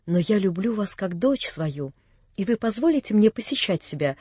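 A man reading an audiobook, voicing a scheming middle-aged nobleman who speaks in smooth, ingratiating phrases. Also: high-pitched, very animated, normal speed, darkish tone, dry recording, heavily acted. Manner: smooth, ingratiating, then sneering.

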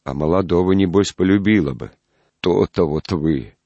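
A man's voice: low voice, moderate pace, dark tone, dry recording, dull audio. A man reading a storybook aloud, playing a jealous, bitter young peasant recruit who talks in a sulky, trembling way.

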